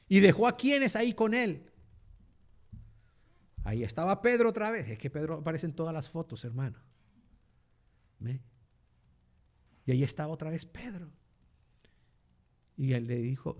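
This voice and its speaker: A male pastor delivers a sermon in a notably high voice. He sprinkles asides to the congregation throughout and keeps asking them rhetorical questions. His delivery swings from loud emphasis to soft, low phrases. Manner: peppers speech with "amén" and "hermano" asides.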